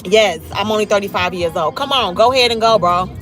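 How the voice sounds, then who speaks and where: A woman's voice: mid-range voice, brisk, fairly bright tone, faint music behind. Blunt, profane Chicago woman. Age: 30s. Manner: blunt, profane, talks while driving. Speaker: livestreaming vlogger. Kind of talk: casual livestream chat, reading comments. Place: in a car.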